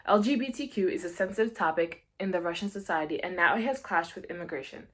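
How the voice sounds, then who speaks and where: A woman's voice: fairly low pitch, quick pace, fairly bright tone. A woman anchoring a newscast, reading scripted introductions to the segments. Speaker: news anchor.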